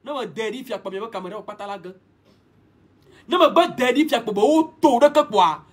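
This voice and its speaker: A man holds forth in a live-stream monologue, preachy and repetitive, hopping between languages. His voice sits very high for a man and sounds husky, and it rises and falls in lively swings. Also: normal speed. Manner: preachy, repetitive, switching languages mid-sentence. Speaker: livestream host.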